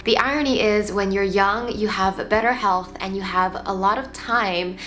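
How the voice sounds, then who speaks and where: A woman in her late twenties hosting a casual vlog, reflecting with gentle advice and lots of "like" fillers, filmed sitting on the floor at home. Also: mid-range voice, normal speed. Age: 20s. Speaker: lifestyle channel host. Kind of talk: casual talking-head vlog. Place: home room, seated on the floor.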